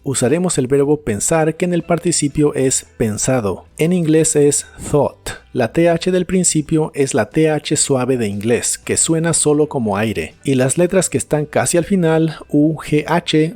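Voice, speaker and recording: A man narrating a scripted English lesson, slowing down to repeat each English word carefully for pronunciation. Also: on the high side, animated. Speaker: English teacher. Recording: soft music behind the voice.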